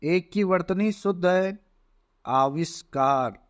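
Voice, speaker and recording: A man talks through exam questions like a teacher, unhurried and deliberate. His voice sits slightly high, and the sound is dry and close, with no room around it. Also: no room sound. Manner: slow, deliberate, repeats "theek hai" often. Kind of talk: exam paper walkthrough lesson.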